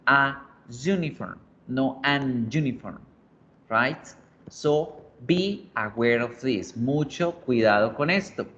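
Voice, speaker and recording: A man teaching English in Spanish, patiently repeating example words for his class. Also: fairly high pitch. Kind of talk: online class explaining English grammar in Spanish. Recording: dull audio with faint noise.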